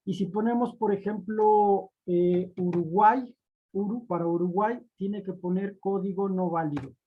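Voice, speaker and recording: A man's voice: high-pitched, fairly even intonation, unhurried, husky. Methodical man teaching, dull lo-fi sound. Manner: methodical, step-by-step, repeats points. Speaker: spreadsheet instructor. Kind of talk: screen-recorded tutorial narration. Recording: dull lo-fi recording.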